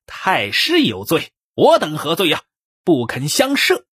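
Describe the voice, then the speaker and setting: Man doing rebel general, blustering, formal, husky voice, dry sound. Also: on the high side, huge pitch swings, unhurried, fairly bright tone, dry recording, full character voice. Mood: protesting. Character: rebel male general, blustering and self-justifying.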